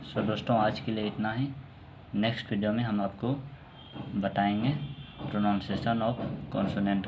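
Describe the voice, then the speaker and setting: A man teaching English pronunciation in a calm online lesson, explaining rules and spelling out example words slowly. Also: on the low side, noisy background.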